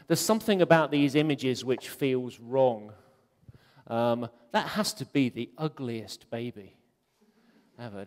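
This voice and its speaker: A man giving a conference talk, chatty and joking, with many ums. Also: mid-range voice. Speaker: conference speaker. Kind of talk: conference talk on web design. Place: conference hall. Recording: long hall reverb.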